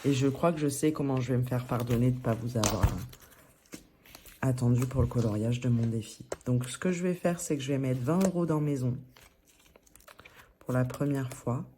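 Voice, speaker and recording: A woman's voice: extremely low pitch, normal speed, pauses often, noisy background. A woman vlogger talking casually to camera about her monthly budget, chatty and a little hesitant, often restarting her sentences. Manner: chatty, talks through her envelopes as she goes.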